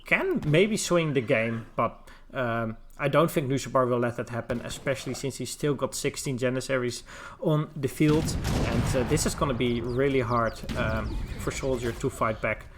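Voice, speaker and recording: A Dutch esports caster from the Netherlands, speaking with a Dutch accent, does solo play-by-play of a strategy game and chats with the live chat. His mid-range voice moves at normal speed, with frequent ums and restarts, over a noisy background.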